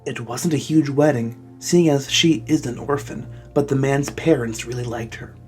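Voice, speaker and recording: Soft music plays behind a man reading fan fiction with comic drama for a comedy video, stopping now and then for exasperated, mock-outraged comments. His voice is medium-pitched and slightly mellow, at a normal speed.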